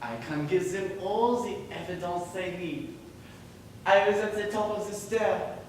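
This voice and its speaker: A man playing a smooth, menacing con man with a put-on French accent in an amateur stage play, heard from far away in an echoey hall. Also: high-pitched, a little slow, a little mellow, slight background noise. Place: theatre stage.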